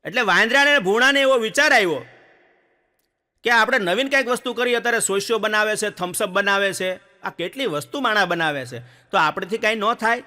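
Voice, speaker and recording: A man's voice: sits high, fairly quick. A man telling folk jokes on stage, acting out villagers and animals. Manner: lively joke-telling, acts out villagers and animals. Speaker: stand-up comedian. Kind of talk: folk comedy storytelling. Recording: long hall reverb.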